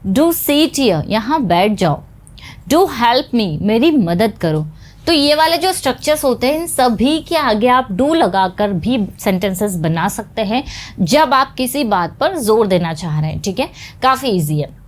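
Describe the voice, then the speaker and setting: A woman with an Indian English accent teaching an English lesson, explaining patiently and saying example phrases slowly. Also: on the high side, expressive. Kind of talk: spoken English lesson in Hindi.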